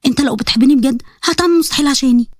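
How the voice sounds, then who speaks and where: A woman's voice: high voice, racing, dry recording, clean studio sound, natural voice. A woman voicing a young fiancée pleading with her father, in an Egyptian accent. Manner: pleading, hurt. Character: young woman, torn between love and father.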